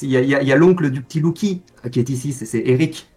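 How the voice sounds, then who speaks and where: A man's voice: mid-range voice, rapid-fire, mellow, natural voice. A man voicing a polite, fussy village mayor who stammers courteously in a tabletop role-play. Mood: flattered.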